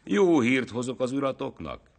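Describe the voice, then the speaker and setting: A man's voice: mid-range voice, sing-song, creaky, a little mellow, voice pushed up. A man voicing a sly, bold poor peasant in a folk tale. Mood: insistent. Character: cheeky, down-to-earth poor male peasant.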